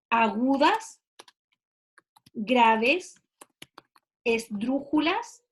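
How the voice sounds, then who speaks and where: A woman teacher explaining grammar to a class step by step, often checking understanding. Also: high-pitched. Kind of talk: classroom lecture.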